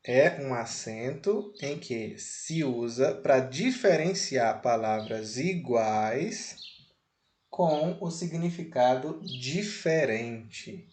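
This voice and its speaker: A man with a Brazilian Portuguese accent teaching from slides at a very unhurried pace. He speaks deliberately, repeats key words and holds a middle pitch. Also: darkish tone. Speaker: Spanish teacher. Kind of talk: slide lesson.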